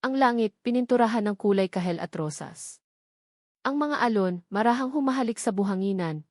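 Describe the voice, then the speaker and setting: This audiobook narrator is a woman with a Filipino accent and a mid-range, somewhat mellow voice. She reads a scripted romantic story aloud in a sentimental, earnest manner, captured in a dry, clean studio recording.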